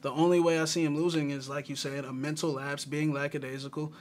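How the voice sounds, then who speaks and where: Laid-back higher-voiced male co-host. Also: flat delivery, fast talker. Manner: laid-back, lots of fillers like man and um. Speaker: podcast co-host. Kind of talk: casual sports betting talk.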